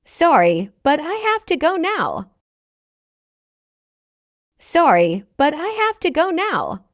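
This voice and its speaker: A friendly woman learner in a scripted practice dialogue, read by a woman. Her voice is high and lilting, with a wide swing in pitch. She speaks very slowly and shapes each word with care. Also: wildly swooping pitch, no room sound, studio quality, heavily acted. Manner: slow, carefully enunciated, each line said twice. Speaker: dialogue reader.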